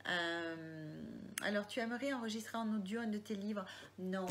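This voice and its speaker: A woman's voice: medium pitch, normal speed, slight background noise. A woman with a Marseille accent, an author answering viewers' questions in a casual live session, reading comments aloud and often hesitating and restarting. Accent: Marseille French.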